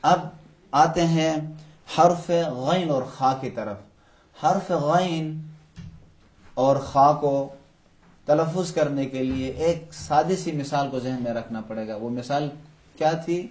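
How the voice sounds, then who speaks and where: A man teaching Quran recitation to children, patiently posing questions and slowly drawing out example words to show each sound. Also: on the high side, a little mellow. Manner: patient, poses questions then answers them. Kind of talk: tajweed lesson for children.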